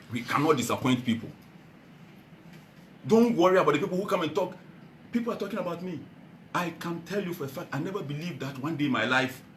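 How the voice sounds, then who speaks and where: A man with a Ghanaian accent giving a rousing political speech to a meeting, swinging from loud calls to low earnest tones. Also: echoey room, a little hiss or hum. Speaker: party founder addressing a meeting.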